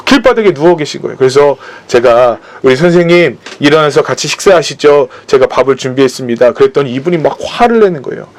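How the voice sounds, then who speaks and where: A man preaching a sermon at a church service, telling personal stories and acting out the voices of the people in them. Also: fairly high pitch. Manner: storytelling, acting out quoted voices. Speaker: pastor.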